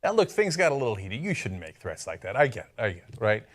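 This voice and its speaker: A man's voice: on the low side, very animated, fast talker. A man delivering political commentary in a sarcastic, teasing manner.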